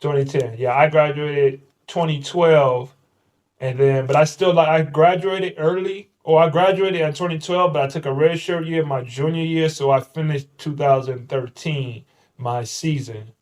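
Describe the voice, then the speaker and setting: A male host in his thirties runs a casual interview chat. He talks in a hyped, slangy, talkative way, and his voice sits a little on the high side. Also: steady tone, moderate pace, a little mellow, poor audio. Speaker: host, former basketball player.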